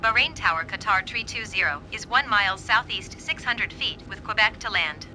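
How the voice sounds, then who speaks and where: A woman's voice: mid-range voice, animated, normal speed, bright, forceful tone, faint music behind, low-quality recording. A woman playing a businesslike airline pilot, giving clipped radio readbacks in a flight game.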